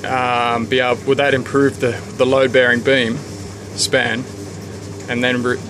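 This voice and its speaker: Holding the camera as he films, a homeowner talks through what he wants to renovate, circling the outside of his house, under the deck and into the garden. His medium-pitched speech is relaxed and unhurried, often stopping to rethink and start sentences over, while a faint hiss lies beneath the outdoor audio.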